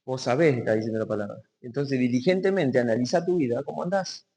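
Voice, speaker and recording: A man from Argentina with a Rioplatense accent, preaching a sermon to his congregation, asking them questions, and reading verses slowly with emphasis before explaining key words. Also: medium pitch, dark tone. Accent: Rioplatense Spanish. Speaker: pastor. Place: community hall. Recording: long hall reverb.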